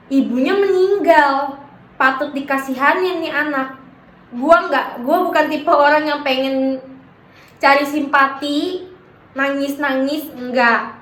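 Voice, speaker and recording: A woman's voice: sits high, fairly bright tone, reverberant, low-quality recording. A young woman casually telling a personal story, defensive and emphatic, in slangy everyday speech.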